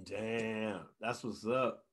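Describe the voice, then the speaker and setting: A man's voice: lowish voice, fairly even intonation, drawn-out words, fairly bright tone. A man with an American accent interviewing casually, agreeable and slangy, swearing freely. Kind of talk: casual chat.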